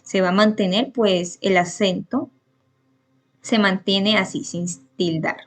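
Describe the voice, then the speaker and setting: A woman's voice: mid-range voice, steady tone, slow pace. A woman teaching a spoken grammar lesson, patiently explaining rules with many examples and occasional restarts.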